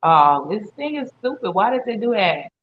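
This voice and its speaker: A woman's voice: medium pitch, very animated, moderate pace. A middle-aged woman, a mother chatting on a video call, her voice breaking up robotic and choppy as the connection cuts in and out. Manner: upbeat, outgoing, talkative. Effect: choppy robotic-sounding call audio, cutting in and out. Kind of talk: casual family chat. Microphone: video call on a phone. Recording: dull lo-fi call audio with faint noise.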